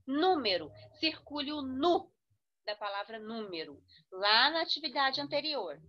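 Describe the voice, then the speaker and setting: A woman with a Brazilian Portuguese accent teaches a grammar lesson, stressing and spelling out syllables and checking in with students often. Her voice is a little high, pushed, and bright, with lo-fi sound.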